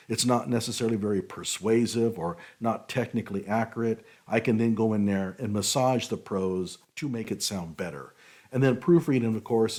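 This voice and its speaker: A man of medium pitch and darkish tone hosts his own show, where he casually critiques a legal document. As a technical writing consultant, he is explanatory and opinionated, and his speech is peppered with fillers.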